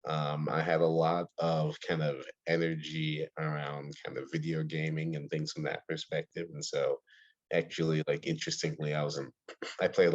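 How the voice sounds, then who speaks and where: A young man from Ohio, a podcast guest on a video call, telling stories eagerly with many fillers. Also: a bass voice. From Ohio, USA. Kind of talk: casual interview chat. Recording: dull lo-fi call audio.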